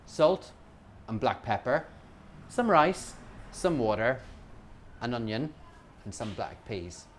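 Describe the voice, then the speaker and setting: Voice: mid-range voice, a little hiss or hum. A cooking show host casually interviewing a cook, asking questions and prompting the next step. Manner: inquisitive, prompting.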